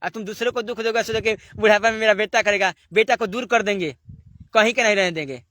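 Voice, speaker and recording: A man's voice: high voice, fast, sharp tone, no echo. A man giving a devotional sermon, exhorting listeners and firing off rhetorical questions. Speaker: spiritual preacher.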